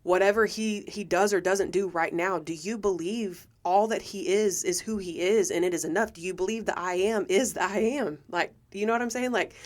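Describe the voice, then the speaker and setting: A young adult woman co-hosting a casual faith discussion, earnest and asking quick rhetorical questions. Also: on the low side. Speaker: podcast co-host.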